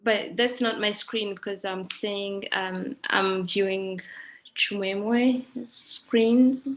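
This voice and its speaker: A woman from Rwanda, presenting a medical lecture over a video call and pausing often with ums. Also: mid-range voice, steady tone, rough recording. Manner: hesitant, frequent ums and uhs. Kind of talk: online conference presentation.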